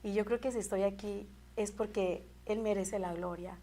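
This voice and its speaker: A woman's voice: medium pitch, steady tone, moderate pace, mellow. A woman telling an emotional faith testimony in an earnest, heartfelt way as a guest. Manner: earnest, heartfelt, repeats and restarts phrases.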